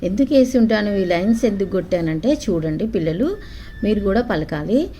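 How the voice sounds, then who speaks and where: A woman teaching children the alphabet, saying each letter slowly and asking them to repeat it back. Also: medium pitch, expressive, warm tone, a little hiss or hum. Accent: Telugu. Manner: slow, syllable-by-syllable call-and-response.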